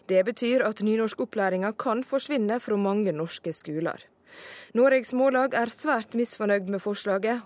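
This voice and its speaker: A woman's voice: mid-range voice, no room sound. Woman reporter with a dry studio voice. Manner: even, crisp reporting delivery. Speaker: radio reporter. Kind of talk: scripted news report voice-over. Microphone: studio mic.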